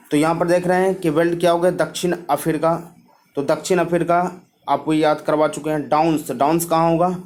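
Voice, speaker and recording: A man teaches a mnemonic geography lesson. His voice sits a little high for a man. He keeps posing questions and answering them himself in a repetitive drill. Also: a little mellow. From Bihar, India.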